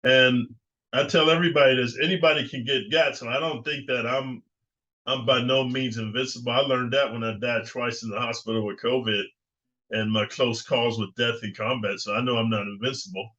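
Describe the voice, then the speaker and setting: An older man hosts his own YouTube channel, delivering a casual commentary monologue that's assertive and rambling, full of fillers and restarts. His medium-pitched voice is steady, fairly quick, pushed and bright, on a muffled lo-fi recording.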